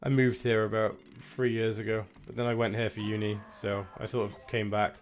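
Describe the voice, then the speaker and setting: A man's voice: on the low side, level tone, moderate pace, a little hiss or hum. A man from Wales with a Welsh accent, chatting casually while streaming a video game and answering viewers. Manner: chatty, reads out viewer chat. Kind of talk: casual gameplay commentary.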